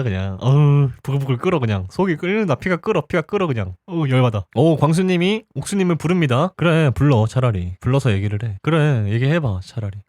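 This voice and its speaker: A man's voice: medium pitch, darkish tone, no echo, clean studio sound. A young man recapping a TV show episode in a casual, chatty way, laughing often and acting out what people said. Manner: chatty, laughs often, acts out quoted lines. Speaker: TV show reviewer.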